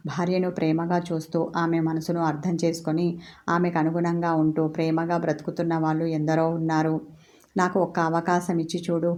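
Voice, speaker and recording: A woman's voice: low-pitched, little pitch movement, a little fast, a little mellow, natural voice. A woman playing a cheeky, teasing young husband. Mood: pleading. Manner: pleading, then cheeky. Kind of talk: storybook character voice.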